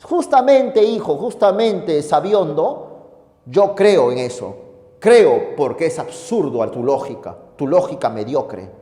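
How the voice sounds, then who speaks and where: A man's voice: fairly high pitch, sing-song, takes it slowly, dark tone. Man playing a scornful old Tertullian. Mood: mocking. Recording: echoey hall reverb.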